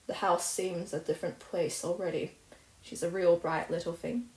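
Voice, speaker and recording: A woman's voice: fairly low pitch, steady tone, normal speed, darkish tone, roomy sound, close to an everyday voice, poor audio. A woman reading aloud, voicing a stern, dry-spoken middle-aged spinster. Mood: dry, firm. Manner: dry, firm, matter-of-fact.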